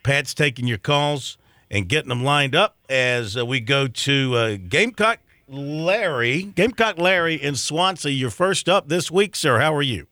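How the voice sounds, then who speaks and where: A man hosting a sports talk radio show, reading off team rankings in a chatty way with many pauses and fillers. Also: medium pitch, lively intonation, bright, forceful tone, no room sound, studio quality. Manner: chatty, reads off stats with many ums and uhs.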